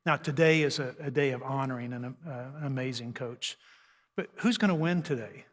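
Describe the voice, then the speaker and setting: Speaking fairly quickly in a mid-range voice, an older radio host aged 60 or more, known for talks on raising teens, entertains a church audience with a humorous, folksy seminar on family life, making fun of himself conversationally. The large church hall adds long reverb to the live recording.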